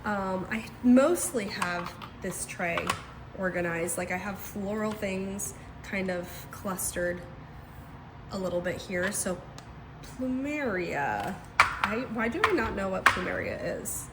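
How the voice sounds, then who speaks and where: A young lifestyle vlogger, stuffed up from a cold, narrates casually at home as she tries out household scents. She speaks slowly in a mid-range voice, thinking aloud, with background noise in the indoor recording.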